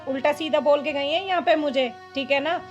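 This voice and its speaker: A woman's voice: sits high, a little fast, muffled recording, faint music behind, lightly acted. A young woman playing a resentful new wife who sulks and snaps at her husband. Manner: sulky, resentful. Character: aggrieved young bride, sulky and stubborn. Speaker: young wife in a village drama. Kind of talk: Haryanvi film acting.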